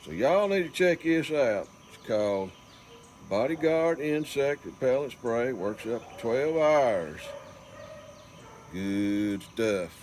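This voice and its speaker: Southern man, hammy ad pitchman, slow drawl, voice swings all over, light hiss behind. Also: lively intonation, darkish tone. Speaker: host of local advertising spots. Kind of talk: folksy comic ad pitch. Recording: faint background noise.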